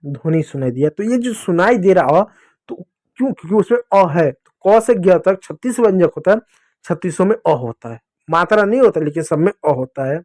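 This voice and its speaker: High-voiced man teaching children. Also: animated, moderate pace, darkish tone. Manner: friendly, explains with playful examples and repetition. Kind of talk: children's Hindi lesson.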